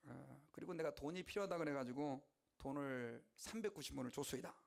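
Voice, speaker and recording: A man voicing a calm, composed older gentleman who speaks politely and matter-of-factly. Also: medium pitch, brisk, creaky, pitched below the performer's own voice, close to an everyday voice. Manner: unruffled, polite and matter-of-fact.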